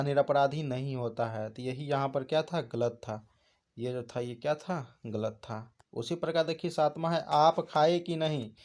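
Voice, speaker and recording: Fairly high-voiced man teaching a lesson. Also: a little mellow. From India. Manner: explaining, asks questions and answers them himself. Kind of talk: exam prep lesson.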